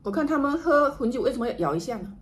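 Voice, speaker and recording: A woman chatting casually to camera while she eats and drinks, musing in an unhurried way with murmured asides. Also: high-pitched, expressive. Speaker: vlogger doing an eating and drinking livestream. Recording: noticeable background noise, home ambience.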